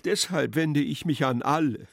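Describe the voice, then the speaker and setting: A man's voice: mid-range voice, animated, slow pace, no echo, clean studio sound. Man doing a drunken stammering general. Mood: desperate. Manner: loud, faltering, repeats himself.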